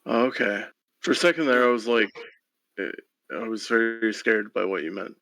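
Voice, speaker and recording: A man's voice: fairly low pitch, moderate pace, fairly bright tone, dry recording. A man playing a tabletop game, talking casually and hesitantly with many fillers. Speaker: player.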